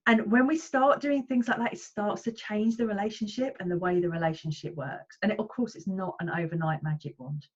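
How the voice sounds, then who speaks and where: A woman's voice: brisk, hardly any pauses, dull audio. A woman, a parent coach chatting in an interview, often acting out voices of parents and kids. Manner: animated, acts out voices of parents and children with big pitch jumps. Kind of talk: casual interview chat.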